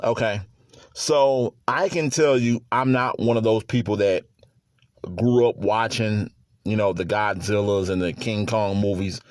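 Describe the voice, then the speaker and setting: A man's voice: fairly low pitch, steady tone, measured pace, dry recording, studio quality. A man hosting his own sports podcast in a casual solo chat, easygoing and prone to chuckles and repeated words.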